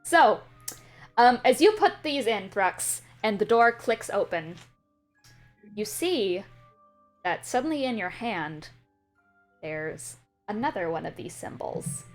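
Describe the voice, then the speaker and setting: A woman's voice: mid-range voice, sing-song, slow pace, pauses often, faint music behind. A woman narrating a tabletop game as game master, with a playful, teasing manner.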